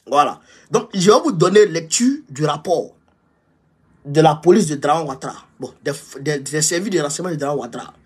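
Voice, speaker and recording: High-pitched, husky man making fiery revolutionary-style addresses. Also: expressive, a little fast. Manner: emphatic, repeats phrases for effect. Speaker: political commentator addressing followers.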